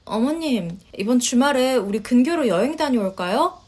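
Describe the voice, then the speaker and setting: A polite young wife played by a woman in a narrated story, speaking quietly in a high voice. She sounds hesitant and careful, softening every reply. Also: animated, normal speed. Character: young Korean wife, polite and soft-spoken. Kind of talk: storytelling voice acting.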